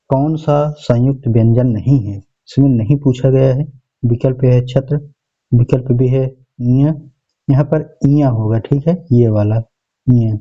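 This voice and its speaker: A man teaching a lesson at a middle pitch, working through an exam paper step by step. He reads out each option in turn and keeps checking in with his students. The recording sounds dull and lo-fi. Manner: methodical, reads out each option, repeats "okay" often.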